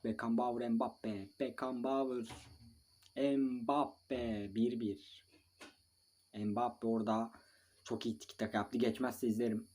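A young man commentating live on his own mobile football match. He calls players by name, scolds them, swears a little, breaks into shouts and talks to viewers between plays. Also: medium pitch, little pitch movement, takes it slowly. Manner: bursts of shouting and mild swearing. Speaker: mobile football gamer and video maker.

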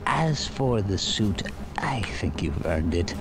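G-Man, slow sinister bureaucrat. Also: low voice, very animated, heavily acted. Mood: cold, ominous. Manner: measured, halting, odd pauses, breathy hissed emphasis. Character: cold, enigmatic man in a suit, sinister bureaucrat. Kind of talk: scripted video game monologue. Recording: game audio with noisy ambience.

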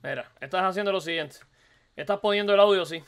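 A man with a Cuban Spanish accent, slightly hoarse, giving animated, teasing live-stream commentary on a viewer's video, repeating himself and throwing out questions. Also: sits high, quick pace, over loud music. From Cuba. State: hoarse from recording the night before.

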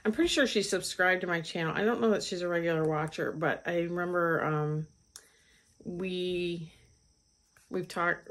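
A middle-aged woman hosting a stitching vlog, chatting casually about her craft purchases with frequent ums and restarts. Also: sits low. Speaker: craft channel host.

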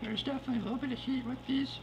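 A woman's voice: sits high, steady tone, racing. A woman reviewing a snack in a casual vlog, talking while chewing, plain and matter-of-fact. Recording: noisy home recording.

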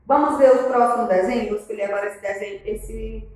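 Brazilian lady preschool teacher, highish sing-song voice talking to little kids, super echoey classroom. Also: fairly even intonation, fairly quick, a little mellow, a little hiss or hum. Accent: Brazilian Portuguese. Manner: sing-song, addressing small children with diminutives and questions. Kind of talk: children's video lesson. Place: indoor classroom, standing before a whiteboard. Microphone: camera a few metres away. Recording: very echoey classroom, distant mic.

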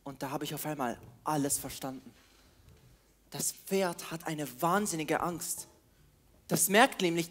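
A woman playing a young woman who cares for a frightened horse, talking quickly and earnestly and then singing. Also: lowish voice, fairly bright tone. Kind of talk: musical theatre dialogue and song. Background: music.

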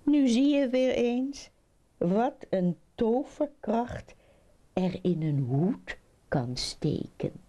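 A woman reading children's stories aloud in an expressive, animated storytelling manner. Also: a little high, very slow, muffled recording.

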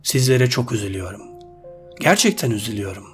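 A man's voice: on the low side, lively intonation, fast, faint music behind, pitched below the performer's own voice, close to an everyday voice. A man voicing Silas, a mocking cruel sorcerer. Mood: false sorrow. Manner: mocking, coldly persuasive. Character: cruel scheming male sorcerer leader, adult. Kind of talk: storybook character voice.

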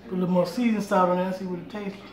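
This middle-aged home cooking host talks very fast in a high voice with a flat delivery while moving around a small kitchen, chatting casually and repeating himself during the demonstration. He is recorded from a distance by a camera on a tripod across the kitchen, so the sound is roomy and noisy, with clattering pots and dishes behind him.

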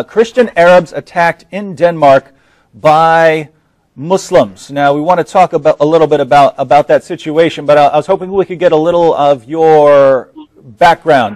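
An earnest man in his thirties hosts a live talk show from a TV studio, pausing on fillers and restarting his sentences. His voice sits a touch high for a man. The sound is close and dry. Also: a little mellow, no room sound. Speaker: host.

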